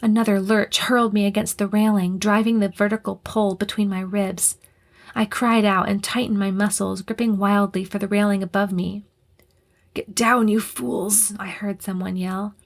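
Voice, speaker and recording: A woman reading a first-person audiobook, her narration tense and breathy, often dropping into a half-whisper. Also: medium pitch, flat delivery, normal speed.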